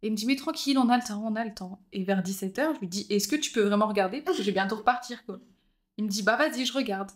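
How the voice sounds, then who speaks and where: A woman's voice: mid-range voice, fast talker. A young woman co-hosting a podcast, telling a story in casual chat and acting out the people she quotes. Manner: animated, acts out quoted voices. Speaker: podcast co-host.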